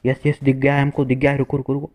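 A man's voice: medium pitch, monotone, rapid-fire, a little mellow. A man giving playful, boastful live commentary to viewers while playing a shooter game, with gunfire behind him. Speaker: gaming streamer.

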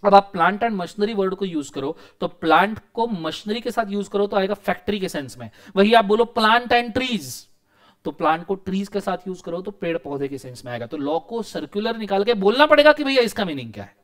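A man with an Indian accent giving a lively law lecture to students, often checking if they follow and acting out little quoted lines. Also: high-pitched, a little fast. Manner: animated, asks questions, acts out quotes. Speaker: teacher.

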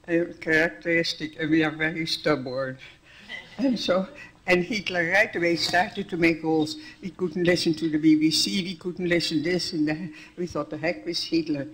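An older Dutch woman from the Netherlands gives a plainspoken personal account to an audience as a guest speaker. Her voice is low with a breathy edge, and she is wry, sometimes restarting her sentences. The recording quality is low.

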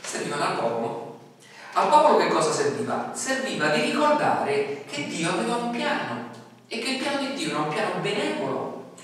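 Middle-aged Italian pastor, slightly high voice, chatty sermon with questions to the room, distant and echoey. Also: male voice, very animated, moderate pace, a bit bright, slight background noise. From Italy. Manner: conversational, asks the congregation questions. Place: small church hall, indoors. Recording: echoey hall, voice from afar.

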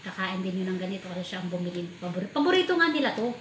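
A woman from the Philippines telling a food story in a casual vlog, animated and laughing as she talks. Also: fairly low pitch, very fast. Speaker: vlogger. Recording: echoey room with faint ambient noise.

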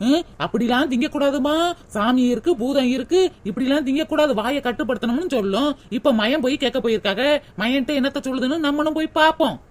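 A woman's voice: high-pitched, fast talker, natural voice. A woman voicing a young daughter-in-law in a cartoon, making wry, complaining asides with a southern Tamil accent. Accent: southern Tamil, Tirunelveli.

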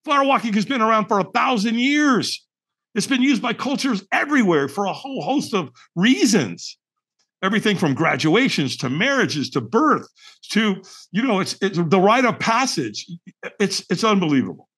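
A man's voice: high voice, sing-song, moderate pace, a bit bright. A middle-aged man, a podcast guest, telling a personal story in an emphatic, colorful and profane way, acting out his own thoughts.

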